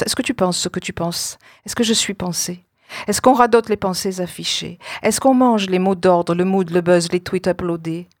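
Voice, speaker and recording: Low-voiced woman reciting poetry. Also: no room sound, clean studio sound. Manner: deliberate, incantatory recitation in fragmented phrases. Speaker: poet. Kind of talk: spoken-word poetry recitation.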